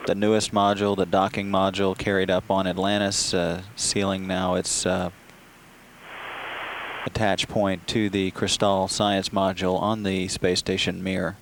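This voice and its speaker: Male mission commentator, low monotone voice, halting matter-of-fact delivery, noisy control room feed. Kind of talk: live spaceflight commentary.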